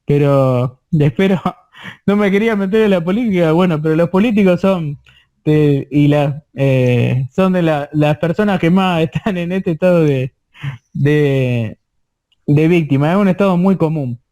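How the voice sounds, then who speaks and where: Speaking with an Argentine Spanish accent, this course instructor walks his online students through the material slowly, with lots of repetition and frequent check-ins. His voice sits on the high side and has a warm tone.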